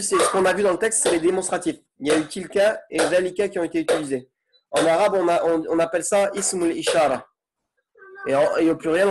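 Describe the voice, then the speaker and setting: A man's voice: a little high, slight background noise. A man teaching an online Arabic grammar lesson in French, explaining patiently and checking in with his students often.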